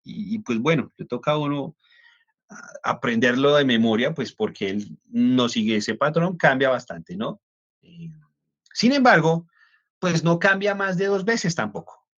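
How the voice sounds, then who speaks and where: A man's voice: mid-range voice, expressive, a little slow, pauses often. A man, an English instructor explaining pronunciation in a class, often checking in with "¿no?". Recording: dull lo-fi audio.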